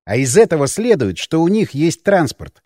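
A man's voice: fairly high pitch, very animated, moderate pace, dark tone, husky, no room sound, studio quality. A man narrating a first-person audiobook, cool and blunt in his character's dialogue.

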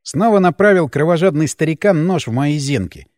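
Man, first-person audiobook narration, ironic, animated, slightly high, dry close sound. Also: fairly quick, no echo. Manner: lively, ironic storytelling, hero's lines shouted up.

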